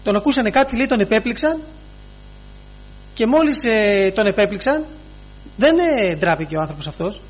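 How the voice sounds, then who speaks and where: Retelling scripture in a sermon, this high-voiced, expressive preacher pauses a lot, circles back over phrases, and keeps adding "he says."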